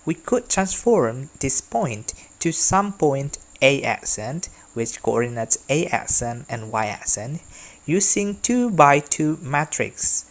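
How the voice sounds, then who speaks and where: A man's voice: a little high, big pitch swings, takes it slowly. A man teaching a math lesson, methodically talking through each step of the working. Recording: roomy echo with long reverb.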